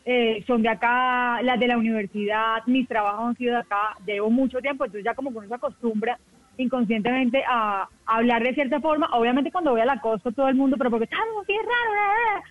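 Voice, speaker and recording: A woman from the Colombian Caribbean coast with a softened coastal accent, a TV news presenter chatting quickly as a radio guest. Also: fairly high pitch, steady tone. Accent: Colombian coastal Spanish, softened. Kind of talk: casual radio chat. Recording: tinny phone line, dry.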